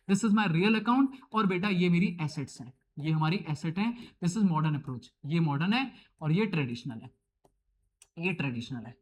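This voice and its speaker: Male Indian tutor, high-pitched, playful and chatty, online lecture. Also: a bit bright, a little hiss or hum. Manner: chatty, teasing, calls students beta and babu. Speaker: accounting teacher.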